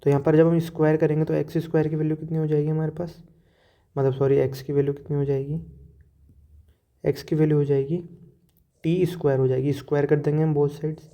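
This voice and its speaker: A man's voice: on the high side, flat delivery, fast, pauses often, warm tone. A man teaching calculus step by step, explaining problems while he writes and mixing English math terms into his speech. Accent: Hindi-speaking Indian. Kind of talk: whiteboard lecture, step-by-step explanation.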